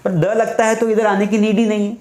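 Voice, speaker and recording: A male teacher giving a lively grammar class. He repeats his main points and keeps asking the students questions. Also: sits high, brisk. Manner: mixes English phrases into Hindi. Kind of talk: classroom lecture. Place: writing on a board while teaching.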